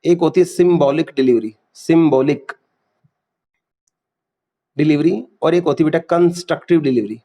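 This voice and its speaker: A man's voice: on the high side, moderate pace, long pauses, dark tone. A man teaching a class, quizzing students and repeating key terms. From India. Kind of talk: classroom lecture.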